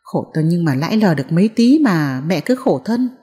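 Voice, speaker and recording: A woman voicing a caring young daughter-in-law who speaks softly and pleads gently. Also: fairly low pitch, big pitch swings, normal speed, big-room sound. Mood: pleading.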